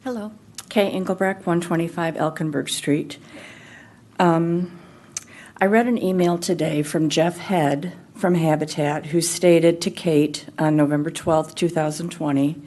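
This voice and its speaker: Woman, resident at the podium, low mellow voice, formal and deliberate. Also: steady tone. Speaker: resident giving public comment. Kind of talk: formal public comment at a council meeting. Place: city council chamber.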